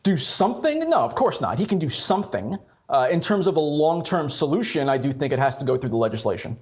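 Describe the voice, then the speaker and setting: A man debating as a political pundit in a measured, conciliatory way, on dull lo-fi audio. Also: medium pitch, expressive.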